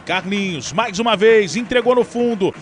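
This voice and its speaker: A Brazilian man giving excited live commentary on a football match. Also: sits high, normal speed. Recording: clear stadium crowd noise behind. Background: football crowd.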